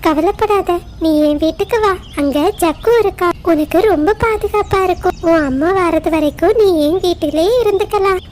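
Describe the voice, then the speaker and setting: A woman voicing a gentle mother kingfisher who talks in a soothing, motherly way. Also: extremely high pitch, lively intonation, moderate pace, a little hiss or hum. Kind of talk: cartoon voice acting.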